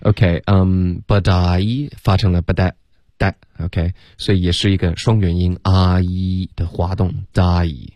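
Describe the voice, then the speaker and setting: A man coaching English pronunciation, patiently correcting sounds and repeating them slowly to model them, with English words mixed into his explanations. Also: low voice, level tone, no echo, dull audio.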